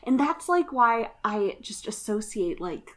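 Woman podcast co-host, relaxed, chatty recap storyteller. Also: on the high side, a little slow, crowd noise. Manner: relaxed storytelling, many "like" fillers. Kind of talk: casual recap chat.

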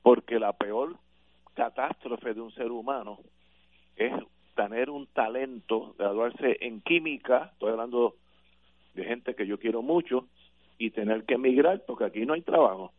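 A man's voice: mid-range voice, a little slow, dry recording. An older man with a Puerto Rican accent, a radio panelist making an emphatic argument point by point with frequent fillers. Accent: Puerto Rican Spanish. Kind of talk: radio talk-show debate. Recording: narrow phone-like radio sound.

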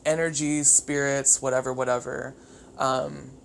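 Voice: mid-range voice, steady tone, measured pace. A podcast host talking casually and solo with wired, chattery, over-caffeinated energy, swearing freely. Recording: clear background noise.

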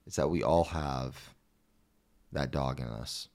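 Very deep-voiced, blunt-talking man. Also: slow pace, gravelly, darkish tone. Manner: blunt, swears freely, teasing. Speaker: podcast co-host. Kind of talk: casual chat.

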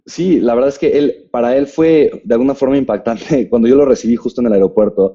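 A Mexican man, an author, telling his story in a casual interview, animated and full of "eh" and "pues" fillers. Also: medium pitch, fast, breathy edge. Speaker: guest, author and entrepreneur. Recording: muffled dull recording.

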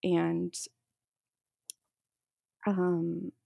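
A woman being interviewed, telling a personal story haltingly, with many restarts and fillers. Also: lowish voice, monotone, vocal fry, dark tone, dry recording. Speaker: guest sharing a testimony.

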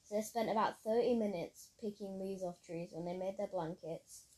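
A woman's voice: mid-range voice, moderate pace, mellow, poor audio. A woman reading her own story aloud in a plain storytelling manner, with occasional slips. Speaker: narrator.

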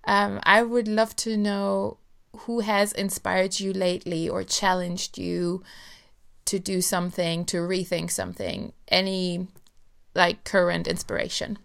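A woman podcast host with a clear, smooth voice at a medium pitch. She chats casually with her guest and is effusive and gushing in how she talks. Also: level tone, measured pace, a bit bright. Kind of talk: casual interview chat.

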